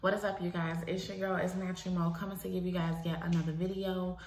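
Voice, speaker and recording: A woman's voice: on the low side, flat delivery, fast talker, a little mellow, soft background music. A young woman with a stuffed-up, nasal voice from a head cold, chatting casually and emphatically to viewers as a hair vlogger. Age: young adult. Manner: informal, emphatic, addresses viewers directly. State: congested nose from a head cold. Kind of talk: casual chat to camera. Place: small home room, indoors. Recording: roomy, echoing indoor sound.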